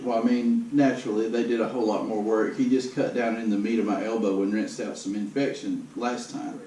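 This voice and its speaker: A man's voice: lowish voice, fairly even intonation, brisk, dark tone. A man giving a casual video update in a downbeat, resigned, matter-of-fact way. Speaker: vlogger giving a personal health update. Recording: roomy, noisy, distant camera microphone.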